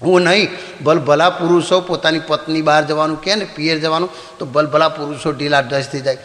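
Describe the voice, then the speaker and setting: A man telling comic folk stories on stage in a lively, high-pitched voice. His tone is bright and ringing. A long hall reverb trails every phrase. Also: brisk. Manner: animated, switches into character voices for punchlines. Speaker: comedian. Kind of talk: stand-up folk storytelling.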